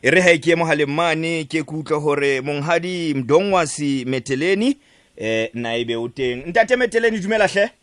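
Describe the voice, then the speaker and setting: A man's voice: on the high side, normal speed, a bit bright, no room sound. A man with a South African Sotho accent, hosting a radio interview programme. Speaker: radio talk show host.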